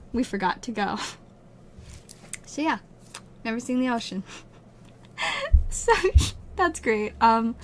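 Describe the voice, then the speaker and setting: A twenty-year-old woman from Utah chats casually with her livestream viewers, rambling with frequent "like" fillers and giggles. Her mid-range, slightly bright voice sounds strained and is wearing out as she loses it. Slight background noise is audible.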